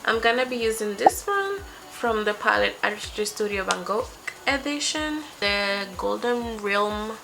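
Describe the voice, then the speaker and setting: In a low-quality webcam recording with loud music behind her, a young beauty vlogger whose native language is Spanish chats through her makeup application at a desk in a small room with a patterned wall. Her medium-pitched voice is animated and gravelly, a little slow, with few pauses.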